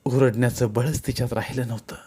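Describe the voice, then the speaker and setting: A man's voice: medium pitch, steady tone, a little fast, a little mellow, husky. Man narrating a story steadily. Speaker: audiobook narrator.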